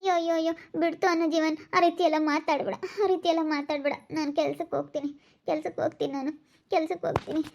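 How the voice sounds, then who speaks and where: A woman's voice: sits high, fairly even intonation, racing, creaky, darkish tone. A woman acting a worried young wife who soothes her husband with repeated pleas. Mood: pleading. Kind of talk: amateur family drama acting.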